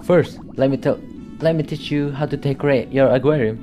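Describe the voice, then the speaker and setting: A chatty, posh seagull guide, as a man puts him on while reading game text aloud. He walks the player through each step in a light, airy tone. Game music plays clearly underneath. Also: medium pitch, a little fast, lightly acted. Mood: cheery. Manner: posh, chatty tutorial narration.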